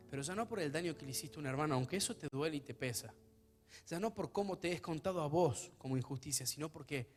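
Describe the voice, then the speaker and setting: A man preaching a sermon as pastor of a church, his delivery swinging between hushed, intimate stretches and loud, emphatic ones. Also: fairly high pitch.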